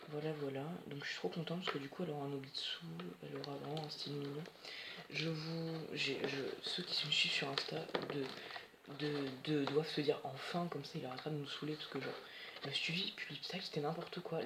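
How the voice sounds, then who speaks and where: A teenager chatting excitedly and rambling while unboxing, swearing often, filmed on a phone at home. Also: medium pitch, fairly quick, very noisy. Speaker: doll collector vlogger. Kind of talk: casual unboxing chat. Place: at home, indoors. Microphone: phone camera. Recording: echoey room with loud plastic rustling. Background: crinkling bubble wrap and plastic.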